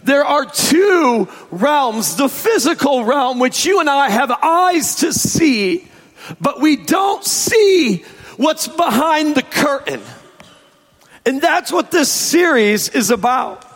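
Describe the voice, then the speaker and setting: A male pastor delivers a sermon in a very high, hoarse voice that sounds strained from a sore throat. His pace is slow and emphatic, with stretched key phrases and an informal touch. Long hall reverb surrounds him. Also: sing-song, a bit bright. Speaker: pastor preaching to congregation. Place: church service, amplified in a large room. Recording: echoey large hall reverb.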